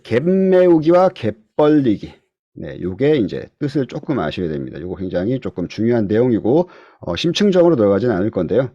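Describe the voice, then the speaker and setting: A man teaching real estate investing in an online video-call lecture, often putting questions to his class and swinging between loud and soft. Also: on the low side, big pitch swings, fairly quick, no room sound, muffled recording. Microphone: computer mic on a video call.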